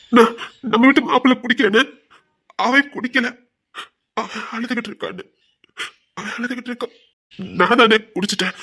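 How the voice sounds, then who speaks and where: A man's voice: sits high, pushed and bright, breathy edge, full character voice. An actor playing a devoted young man grieving for his brother, his voice choked and tearful. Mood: drunk pleading. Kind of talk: emotional TV serial acting.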